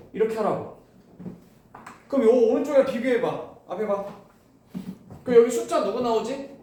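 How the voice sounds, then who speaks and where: A man teaching a classroom math lesson, explaining step by step and firing quick questions at his students. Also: high-pitched, a little mellow, a little hiss or hum. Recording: echoey room, voice from far off.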